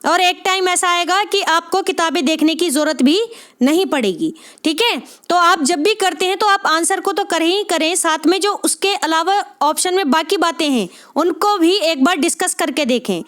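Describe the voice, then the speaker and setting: Woman tutor, very high pitch, encouraging exam-prep teacher, constantly checks for understanding. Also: a bit bright. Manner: encouraging, repeats "ठीक है?" after nearly every phrase; spells out sounds slowly one by one. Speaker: Hindi literature exam tutor. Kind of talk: spoken exam-prep lesson.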